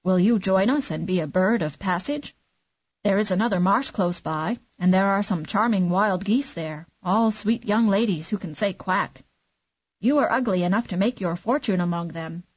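A woman's voice: mid-range voice, normal speed, husky, lo-fi sound, natural voice. A woman voicing a cheeky wild goose who teases in her near-natural voice. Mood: teasing. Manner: teasing.

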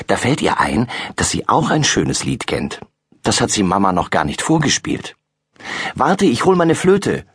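A man narrating a children's story in a lively, expressive reading. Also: low voice, breathy edge, no echo, studio quality. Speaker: audiobook narrator.

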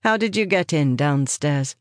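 A woman's voice: sits low, expressive, a little slow, no room sound, clean studio sound. A woman reading the part of a cold, guarded former policewoman in a wheelchair in an audiobook thriller. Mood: curt. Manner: curt, guarded.

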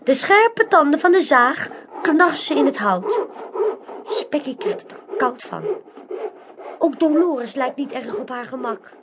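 A woman narrating a children's audiobook with an expressive, animated, carefully paced delivery. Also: sits high, a little slow, heavy background noise.

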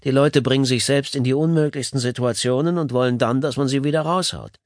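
A man's voice: medium pitch, brisk, dry recording. A man narrating an audiobook in the first person, with a sardonic, dry wit.

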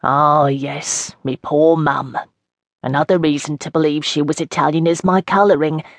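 A woman's voice: deep voice, fairly even intonation, normal speed, dry recording, studio quality. A woman reading an audiobook as a chatty woman in her seventies with an East End London accent, homely and rambling. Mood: reminiscing. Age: 70s. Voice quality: homely, rambling, dialect grammar. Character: frail chatty old East End woman, long institutionalised. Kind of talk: audiobook narration in character.

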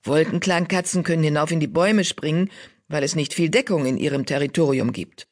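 A calm tomcat clan leader, as a woman narrator voices him, reasoning in a measured, persuasive way. A fantasy audiobook reading. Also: low-pitched.

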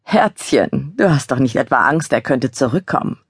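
This audiobook figure is a camp young gallery colleague, theatrical and mocking, with a slightly raised, playful pitch, as a woman narrator voices him. His voice is husky and a little gravelly. The recording is close and dry. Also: animated, moderate pace, no echo, exaggerated voice. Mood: teasing.

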